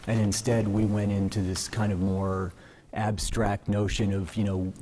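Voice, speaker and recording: A man's voice: on the low side, flat delivery, unhurried, warm tone, slight background noise. A man speaking as a judge, putting probing questions in a conversational way, thinking aloud as he goes.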